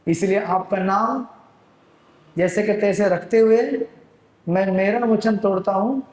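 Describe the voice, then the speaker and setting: The god Krishna speaks with playful affection and calm reassurance, voiced by a man telling the story. The voice sits high, and the sound rings around a reverberant hall. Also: slow pace. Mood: tender.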